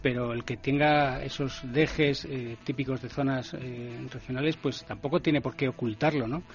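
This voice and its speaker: Measured male radio panelist. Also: mid-range voice, steady tone, lo-fi sound. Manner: measured, explanatory. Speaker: guest commentator. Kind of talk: radio discussion.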